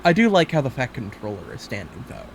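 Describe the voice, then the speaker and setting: A man co-hosting a chatty podcast, rambling through his points with plenty of fillers and restarts and the odd swear. His voice sits at an ordinary middle pitch, with a faint hiss of noise behind it. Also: huge pitch swings, quick pace, creaky. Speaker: podcast co-host. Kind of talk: casual chat.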